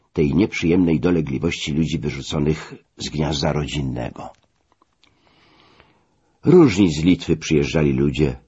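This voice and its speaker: A man narrating a memoir audiobook in a measured, wry storytelling manner. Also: sits low, warm tone, breathy edge. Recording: dull lo-fi recording.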